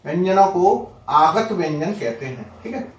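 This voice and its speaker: A man with a high-pitched voice, lively intonation and a measured pace teaches a Hindi grammar lesson to exam students. He works step by step, repeats the example words, quizzes the class and keeps saying "okay" between points. The recording sounds echoey, with his voice far from the mic.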